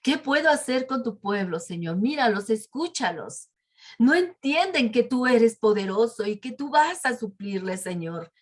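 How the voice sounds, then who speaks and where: A woman's voice: on the high side, lively intonation, unhurried. A woman voicing a weary older male leader who earnestly pleads with God. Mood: pleading. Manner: earnest, imploring.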